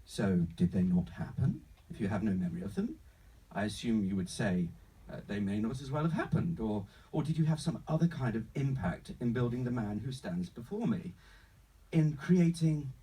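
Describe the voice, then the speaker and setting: A man's voice: mid-range voice, warm tone, husky, recorded from a distance, poor audio. Man playing a formal travel agent, swooping intonation. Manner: formal, courteous, salesman-like, calls the customer sir. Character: unflappable, smiling male travel agent with a sinister pitch. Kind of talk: live screenplay table read.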